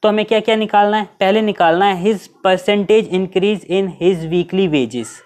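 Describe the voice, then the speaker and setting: A man's voice: high-pitched, a little mellow. Man teaching exam math step by step. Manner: explains step by step, asking students rhetorical questions; reads English questions slowly, mixing Hindi and English. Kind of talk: exam-prep math lesson.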